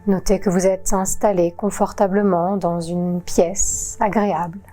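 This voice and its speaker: A woman yoga teacher guiding a relaxation session in a calm, soothing voice-over with long pauses. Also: fairly low pitch, faint music behind. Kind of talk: guided relaxation narration.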